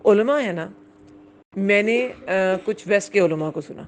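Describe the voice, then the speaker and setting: A woman's voice: medium pitch, expressive, a little hiss or hum. A woman giving a religious lesson, explaining patiently and often asking her listeners whether they understood. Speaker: Quran teacher. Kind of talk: Urdu religious lesson with English words.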